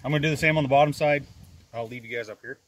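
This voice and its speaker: Over loud clattering and clicking work noise, a man hosting a do-it-yourself repair vlog talks to viewers casually and folksily, cracking wry jokes and muttering asides to himself. His voice is mid-range and he speaks at a racing pace.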